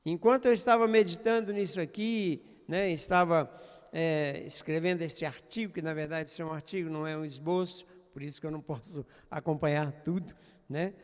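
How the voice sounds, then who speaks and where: High-voiced pastor preaching in a church. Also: male voice, fairly even intonation, a little fast, smooth, big-room sound. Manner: earnest, addresses the congregation, frequent "né" fillers. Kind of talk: sermon.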